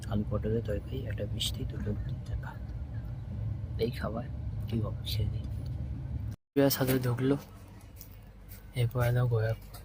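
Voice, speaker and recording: A man with a hoarse voice from a cold, talking quietly to his phone camera as he vlogs a long train journey. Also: on the low side, flat delivery, normal speed, long pauses. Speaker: travel vlogger. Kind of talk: casual train travel vlog. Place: inside a moving train. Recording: train noise behind the voice. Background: train noise.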